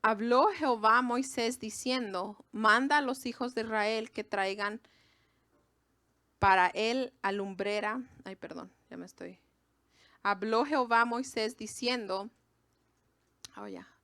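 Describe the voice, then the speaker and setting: A Mexican woman with a Mexican accent preaches informally to a women's gathering, chatting conversationally and making asides to her listeners. Her voice is a little high, pushed and bright, and a little slow, with long pauses, in a dry recording.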